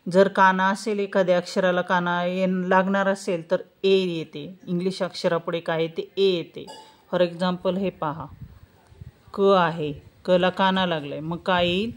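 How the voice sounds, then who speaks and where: A woman's voice: lowish voice, little pitch movement, a little slow. A woman tutor teaching a spelling lesson, patiently repeating each question and answering it herself, sounding out letters syllable by syllable.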